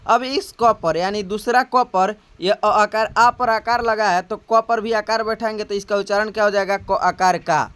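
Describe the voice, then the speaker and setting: A man with a Hindi accent teaching the Hindi syllable chart in a slow classroom manner, drawing out each sound and asking rhetorical questions. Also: sits high, steady tone, a bit bright, clean tone, no echo. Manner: drawn-out spoken syllables, repeated rhetorical questions.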